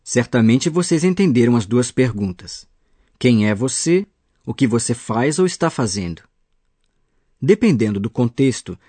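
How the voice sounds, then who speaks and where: A man's voice: medium pitch, mellow, slightly rough, dry recording. A man acting as a teacher, patiently explaining grammar in a scripted radio lesson. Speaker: language teacher.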